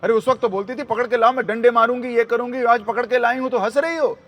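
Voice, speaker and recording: A man voicing an angry village woman who scolds loudly and indignantly in a devotional story. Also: on the high side, lively intonation, a little fast. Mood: scolding, indignant.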